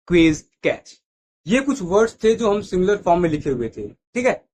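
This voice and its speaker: A man teaches an English grammar lesson in a slightly high voice. He repeats each word list aloud and keeps checking that his students follow. His voice sometimes drifts as he moves away from the mic toward the board. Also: a little hiss or hum. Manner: repetitive, checks understanding with "theek hai". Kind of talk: classroom lesson explaining to students.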